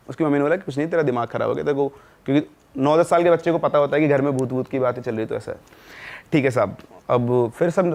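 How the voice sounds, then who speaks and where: A man's voice: medium pitch, creaky, darkish tone. A man casually telling a true horror story, dropping his voice at tense moments. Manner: conversational, drops voice at tense moments.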